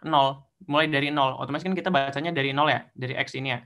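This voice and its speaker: A man's voice: medium pitch, fairly even intonation, fast, a bit bright. A young man teaching assistant explaining code step by step in an online tutorial. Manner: explains step by step, counting through indexes.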